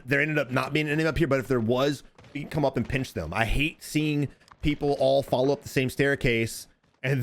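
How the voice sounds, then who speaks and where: A man coaching as he comments on gameplay, blunt and animated, swearing freely. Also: medium pitch. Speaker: gaming coach.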